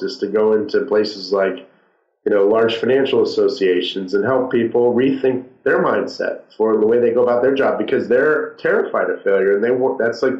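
Man, muffled as if behind a wall, dull lo-fi sound, roomy echo, low voice, halting with fillers. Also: a little mellow. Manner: halting, thoughtful, many fillers. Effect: muffled, as if heard through a wall. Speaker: entrepreneur guest. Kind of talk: podcast interview answers.

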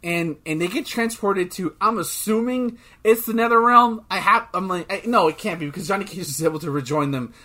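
A man co-hosting a casual chat podcast, rambling and excitable, often swearing as he talks. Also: high voice, brisk, few pauses. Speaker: podcast co-host.

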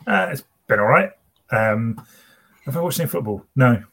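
A man chatting casually as a podcast co-host, rambling and interrupting himself, in a husky voice. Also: medium pitch, animated, normal speed, fairly bright tone, slight background noise. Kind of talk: casual chat.

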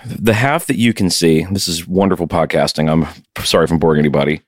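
Talking fast in a low voice with no echo, this touring musician co-hosts a casual podcast from his home music studio. His manner is loose and jokey, with plenty of swearing.

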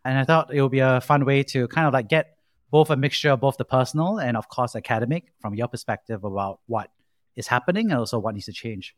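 A man hosting a podcast, asking questions in a measured, deliberate way. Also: mid-range voice, no room sound, clean studio sound. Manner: measured, deliberate delivery with slow pauses. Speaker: podcast host. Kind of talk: interview hosting and read ad.

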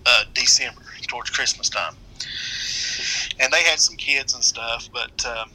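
A middle-aged man with an Appalachian accent, telling a story casually in a halting, rambling way. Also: medium pitch, pushed and bright, a little hiss or hum, poor audio. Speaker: guest storyteller.

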